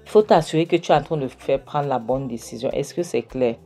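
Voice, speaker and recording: A woman voicing a stern mother earnestly advising her daughter in a retold film, in a low dark voice. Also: brisk, faint music behind. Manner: earnest, insistent advice.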